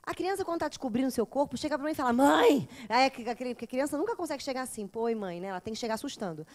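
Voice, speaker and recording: A woman, a therapist lecturing a class in a lively way, often acting out children and mothers. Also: high voice, rapid-fire. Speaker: teacher of a psychology course.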